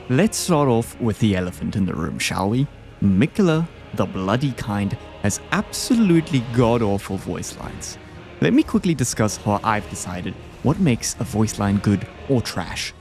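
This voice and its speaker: Sharing his rankings like a host, a man gives casual, opinionated video commentary in informal, slangy language. His pitch is lively and animated, his pace moderate, and faint background music plays behind him.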